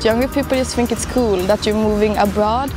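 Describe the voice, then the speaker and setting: A young woman from southern Sweden speaks casually in a slightly high voice. She keeps a loose, filler-heavy flow outdoors in winter, with clear music behind her. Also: fairly quick. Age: young adult. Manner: relaxed, fillers like 'like' and 'uh'. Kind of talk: casual testimonial talk. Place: outdoors on a city square in winter.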